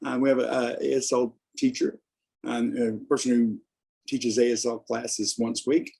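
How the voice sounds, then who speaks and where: Male presenter, mid-range and slightly rough, halting informal delivery. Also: mid-range voice, level tone, dark tone. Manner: halting, searching for words.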